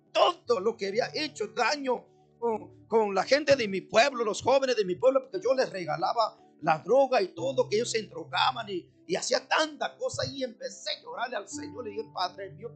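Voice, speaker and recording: High-voiced man giving testimony. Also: fairly bright tone. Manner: earnest, addresses listeners as brothers and sisters. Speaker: church member giving testimony. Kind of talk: emotional personal testimony.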